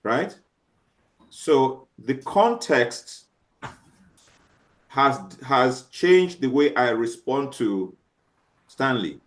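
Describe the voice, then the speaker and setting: A male teacher lectures a class in a halting way, full of fillers and restarts. He keeps stopping to ask whether students have understood. His voice sits at an ordinary middle pitch. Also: expressive.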